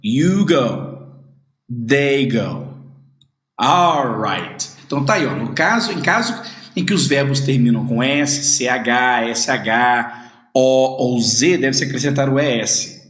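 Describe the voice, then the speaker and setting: A man teaching an online English lesson, slowly drilling English phrases. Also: roomy sound. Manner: slow, drawn-out drilling of English phrases, lively pitch.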